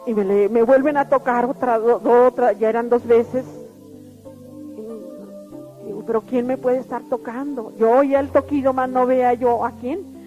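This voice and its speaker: Woman, high voice, halting testimony with restarts, muffled sound. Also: fairly even intonation. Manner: earnest and halting, with frequent restarts and repeated words. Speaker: witness giving a testimony. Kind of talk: spoken personal testimony. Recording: muffled recording with faint background music.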